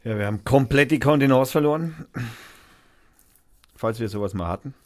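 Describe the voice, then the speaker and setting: A man's voice: mid-range voice, animated, normal speed. A man hosting a casual radio show, announcing songs in a rambling way as he searches for words and corrects himself. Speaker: radio host.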